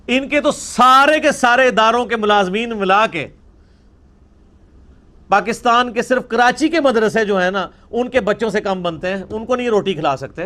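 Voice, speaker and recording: A man's voice: high voice, pushed and bright. A man giving a religious lecture, arguing and mocking his opponents' views. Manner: mocking, argumentative, mimics opponents.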